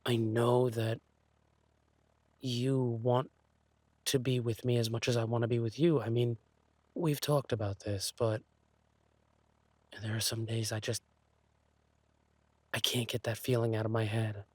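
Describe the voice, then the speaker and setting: A man playing an insecure, lovesick thief boyfriend in a romantic audio role-play, speaking haltingly and tenderly. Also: medium pitch, flat delivery, no room sound, close to an everyday voice. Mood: insecure, downcast. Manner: hesitant, halting, sighing delivery.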